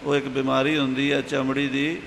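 A man giving a calm, instructive sermon, explaining how scripture should be read. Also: medium pitch, normal speed, gravelly. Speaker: religious teacher explaining scripture. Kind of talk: sermon with reading guidance. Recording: echoey hall with faint hiss.

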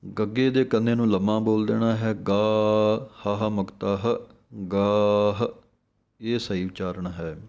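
A man teaching correct scripture pronunciation, slowly chanting each line and then explaining how each letter and sound should be spoken. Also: on the low side, fairly even intonation, vocal fry, a little mellow. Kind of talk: slow recitation lesson with explanations.

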